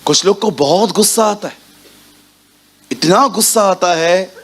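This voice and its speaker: A male preacher gives a sermon to a church congregation, his voice sitting a little higher than most men's. He is lively and engaged, and he keeps turning to the listeners with direct questions as he speaks. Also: a little slow, husky.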